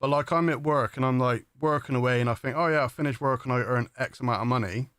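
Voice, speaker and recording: A man's voice: mid-range voice, quick pace, a bit bright, clean tone, no echo. A man hosting a live stream, chatting casually, laughing often and calling his guest mate. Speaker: livestream host.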